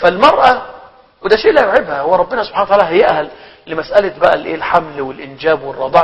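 Animated high-voiced Egyptian imam. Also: male voice, gravelly. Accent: Egyptian Arabic. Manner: animated, asks rhetorical questions and answers them; humorous, laughs while telling anecdotes. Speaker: imam teaching a religious book. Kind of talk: religious lesson. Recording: muffled recording in a reverberant hall.

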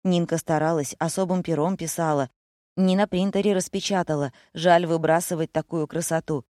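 A woman reader voicing a male office worker who speaks in a low, matter-of-fact way. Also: fairly even intonation, normal speed, dark tone, no room sound, clean studio sound, lightly acted.

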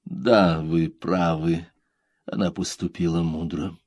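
A man voicing a gentle older man who speaks in a subdued, regretful way. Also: low voice, little pitch movement, takes it slowly, pitched below the performer's own voice.

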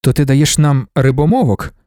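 A man's voice: mid-range voice, moderate pace, dark tone, no echo, studio quality, lightly acted. A man voicing a blunt, wary soldier.

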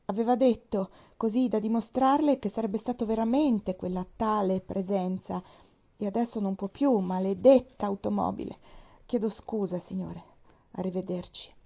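An anxious, tender-hearted young maid from a storybook, earnest and apologetic, always sounding near tears, as a woman reader puts her on. The voice is mellow and soft. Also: medium pitch, normal speed, gravelly. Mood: distressed.

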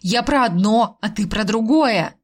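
A woman voicing a stern male dragon who is tired of arguing with his wife. He speaks slowly and firmly and gives little ground. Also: on the high side, animated. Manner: slow, firm, tired.

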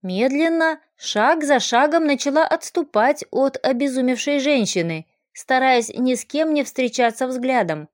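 Expressive female audiobook narrator, slightly high, dry studio sound. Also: a little slow, few pauses, no echo. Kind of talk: scripted fantasy narration.

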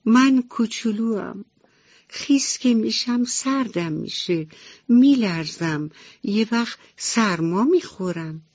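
A woman voicing a timid, whiny little mouse child on a radio bedtime story, in a high childlike pleading voice. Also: expressive, a little mellow, slightly rough, dry recording. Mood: scared. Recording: slightly dull radio recording.

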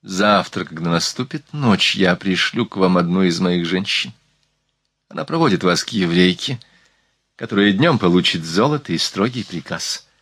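A man's voice: low-pitched, expressive, normal speed, a bit bright, breathy edge, no room sound, exaggerated voice. A man reading aloud, voicing a worldly, gracious sultana who speaks in a slightly whispery, lisping, confiding way. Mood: reassuring.

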